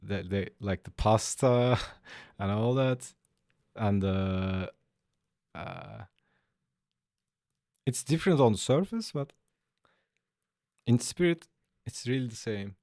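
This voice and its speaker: Slow, laid-back man on a dry mic. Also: fairly low pitch, lively intonation, gravelly, darkish tone, dry recording. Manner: laid-back, chatty, answers chat aloud. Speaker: art streamer. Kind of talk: casual livestream chat while drawing.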